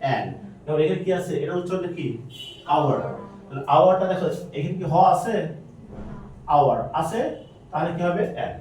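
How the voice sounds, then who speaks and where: A man's voice: a little high, a little fast, pauses often, darkish tone, distant mic, slight background noise. A male teacher, quizzing his students with repeated questions during a grammar lesson. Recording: very echoey room, voice from afar.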